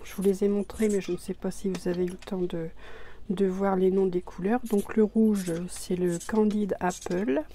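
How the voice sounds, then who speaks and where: A woman explaining a craft project step by step while she works, hesitant, with many pauses and restarts. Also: mid-range voice, level tone, mellow, slight background noise. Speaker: crafting tutorial presenter.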